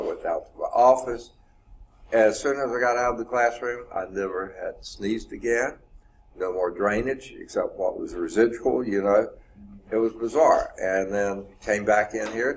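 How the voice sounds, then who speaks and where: Teaching a math class, a man with a lowish voice sounds congested from sneezing. His lecture is conversational, with repeated points and frequent "okay" check-ins, over a little hiss or hum.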